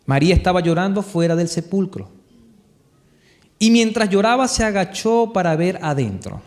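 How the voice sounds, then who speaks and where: Very animated and high, the voice belongs to a pastor with a Chilean Spanish accent delivering a live church sermon at normal speed. He tells the story with energy and asks the congregation questions.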